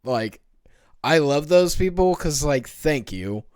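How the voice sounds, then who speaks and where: A young man co-hosting a casual podcast, talking in a relaxed, laid-back way. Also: on the high side, slow pace, clean tone, no echo, clean studio sound. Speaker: podcast co-host. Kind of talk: casual chat.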